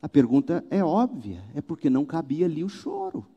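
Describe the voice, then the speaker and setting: A man preaching from a church pulpit, animated, with rhetorical questions and wry asides. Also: on the high side, brisk, creaky, slightly rough, long reverb tail, highs cut off. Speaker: pastor. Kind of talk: sermon.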